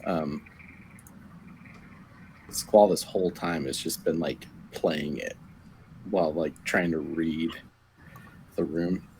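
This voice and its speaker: Deep-voiced hesitant male player. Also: fairly even intonation, takes it slowly, pauses often, a little mellow, slight background noise, low-quality recording. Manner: hesitant, full of fillers. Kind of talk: playing a tabletop game.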